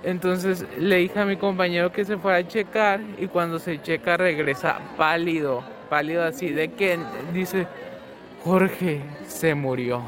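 A man's voice: high-pitched, normal speed, hardly any pauses, music in the background. A teenage boy chatting as a student being interviewed outdoors, telling stories with lots of fillers. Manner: chatty, many fillers, animated storytelling. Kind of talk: casual chat.

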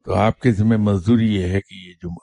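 Man playing a matter-of-fact jail warden, low husky voice, dry sound. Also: fairly even intonation, dark tone, dry recording. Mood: stern. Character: stern jail warden, formal male official.

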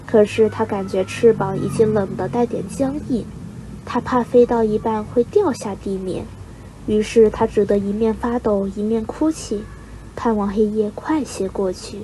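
A teenage girl reading a children's story aloud, steady and expressive, as a student reader. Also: fairly high pitch, a little hiss or hum, low-quality recording. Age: teens. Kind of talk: storybook narration.

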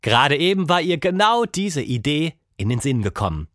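A man reads a children's story aloud with a very lively, rising and falling delivery. The recording is close and dry, with no room sound. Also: on the high side, moderate pace, no echo. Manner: lively expressive reading. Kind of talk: children's audiobook narration.

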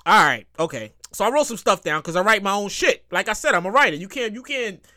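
Talking fast in a high voice, this thirty-something podcaster goes solo and casual, wandering off on tangents, swearing, and saying things twice. He's animated and performs the quotes he relays.

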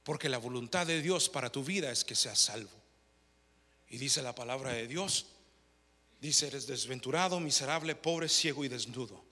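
A man preaching a sermon, shifting between quiet questions to the congregation and loud, fervent retellings of scripture. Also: moderate pace. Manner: rising to loud, high fervor when retelling scripture. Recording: long reverb of a large hall.

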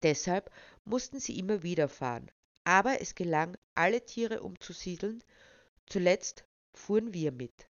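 A woman reads a children's story aloud with expressive storytelling. Her voice sits fairly low. The recording is dry and slightly muffled. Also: unhurried, no room sound.

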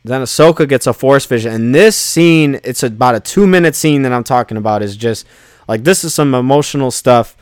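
A man hosting a podcast, casually recapping an episode in an excited, rambling way with many fillers. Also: medium pitch, brisk, clear, resonant tone, dry recording, studio quality. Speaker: podcast host.

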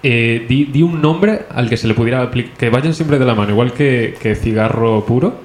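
A man's voice: mid-range voice, moderate pace. A man with a Spain Spanish accent co-hosting a podcast, musing playfully in casual banter. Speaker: podcast co-host. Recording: roomy echo.

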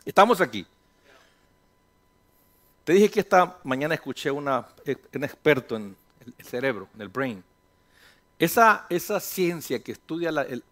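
A man's voice: mid-range voice, fairly bright tone. A middle-aged man, a pastor, preaching a sermon in a chatty, conversational way, acting out inner voices and joking with his congregation.

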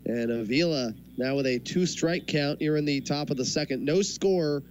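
A man doing live baseball commentary in measured, short phrases with pauses, as the play-by-play announcer. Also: on the high side, darkish tone. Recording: clear background noise from a ballpark. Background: ballpark ambience.

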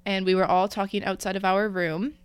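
A young woman with a smooth, clear voice, co-hosting a chatty podcast. She tells stories in an animated way and teases her friend as she goes. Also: medium pitch, brisk, dry recording. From Canada. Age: young adult. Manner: teasing, animated storyteller. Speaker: podcast co-host. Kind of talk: casual chat.

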